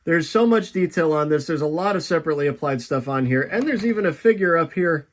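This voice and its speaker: A man's voice: a little high, lively intonation, quick pace. A man talking casually in a vlog, showing off collectible model trains with chatty enthusiasm. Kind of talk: casual show-and-tell vlog.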